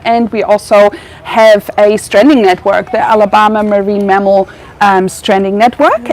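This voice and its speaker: A woman's voice: on the high side, darkish tone, rough recording. A young woman from Germany with a German accent tinged with Australian, a research veterinarian giving a chatty public talk full of ums and restarts. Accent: German with some Australian. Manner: chatty, frequent ums and self-corrections.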